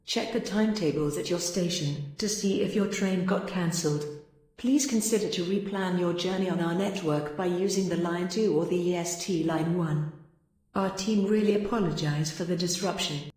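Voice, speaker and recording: A woman's automated announcement comes over a station intercom in a fairly low voice. Her phrasing is flat and even, and the sound is heavily echoey. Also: moderate pace, long pauses.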